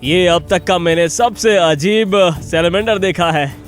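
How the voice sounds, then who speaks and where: A man presenting an outdoor wildlife show in an excited, explaining way, exclaiming often. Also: high-pitched, measured pace, soft background music. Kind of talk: Hindi dub of an outdoor wildlife vlog.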